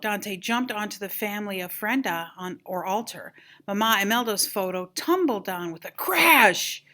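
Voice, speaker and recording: An older woman with a grandmotherly voice reads a children's story aloud, expressively and with dramatic emphasis. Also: mid-range voice. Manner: animated, dramatic emphasis on exclamations and key moments.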